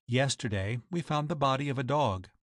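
A man's voice: medium pitch, moderate pace, no room sound, clean studio sound, lightly acted. A man reading the lines of a proud, cold woman who keeps a boarding house, speaking formally and accusingly. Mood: stern. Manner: formal, accusing, coolly biting.

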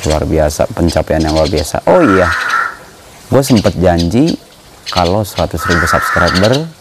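A low-voiced man chats loosely in slang as he hosts his own bird channel, calling to his birds as if they were pets. His voice sits deep, and steady noise runs behind it outdoors. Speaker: animal channel host. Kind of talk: casual pet vlog chat.

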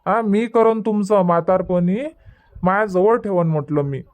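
A pleading, whiny henpecked young son, as a voice actor plays him. His medium-pitched voice is smooth and clear, a cartoon comedy character. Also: unhurried, highs cut off, natural voice. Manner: pleading, whiny, soft-spoken.

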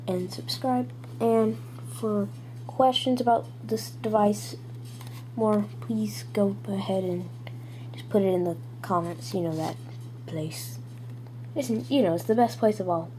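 A young video reviewer, child or teen, talks through a gadget in a mellow, medium-pitched voice at a measured pace, informal and rambling. The setting is a small room at home, and the handheld camera's built-in mic yields noisy, clicky sound.

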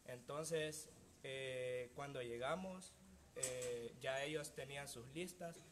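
A man's voice: mid-range voice, slow pace, slight background noise. A young man with a Salvadoran accent, representing a band delegation, explaining events with frequent fillers. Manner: explanatory, many fillers like "este" and "eh". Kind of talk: public statement.

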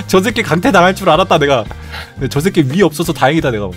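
A middle-aged man hosting a casual live stream, telling stories in a rough, profane, animated way. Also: on the high side, fast, soft background music. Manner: profane, animated storytelling with constant swearing. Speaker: streamer host.

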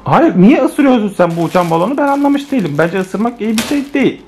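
Woman, family vlog, animated sing-song voice, playful teasing, phone camera indoors, faint background hiss. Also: fairly high pitch, a little fast. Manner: animated, playful, teasing the child, addressing viewers as friends. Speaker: vlogging mother filming her children. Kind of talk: casual family vlog narration to viewers. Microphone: handheld phone camera.

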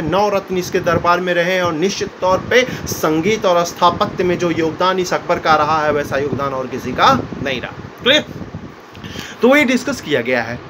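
A man teaching a school history lesson, explaining step by step, acting out quotes and often checking with "clear?". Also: high-pitched, a bit bright, a little hiss or hum. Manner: explanatory, keeps asking "clear?" and acts out quotes.

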